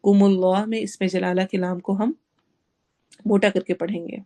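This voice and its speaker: Woman, Quran teacher, tajweed lesson, mellow tone, slow drawn-out recitation, explains each sound, mixes in English words. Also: mid-range voice, little pitch movement.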